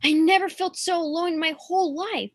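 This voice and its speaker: A woman's voice: very high voice, steady tone, fairly quick, no echo, studio quality. A young woman voicing an anxious young bride who pleads with her father in a school play reading. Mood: pleading. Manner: pleading, emotional.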